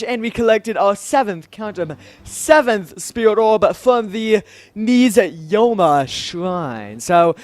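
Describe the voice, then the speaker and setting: A man hosting a let's play, chatting casually and rambling with giggles as he plays. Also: high-pitched. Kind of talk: casual gameplay commentary.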